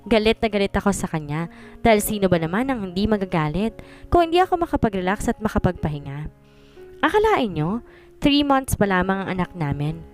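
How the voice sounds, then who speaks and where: A woman's voice: medium pitch, a little mellow. A woman reading a first-person story aloud with an exasperated, complaining tone.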